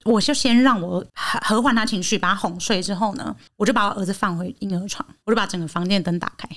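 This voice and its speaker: A mother with a Taiwanese Mandarin accent, chatting as a guest on a podcast and telling a story with lots of expression. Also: mid-range voice. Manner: animated storytelling, fast and expressive. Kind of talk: casual podcast chat.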